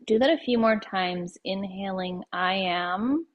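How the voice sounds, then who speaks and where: A medium-pitched woman guides a yoga nidra meditation, soothing and unhurried, letting each phrase fade out softly. The recording sounds muffled.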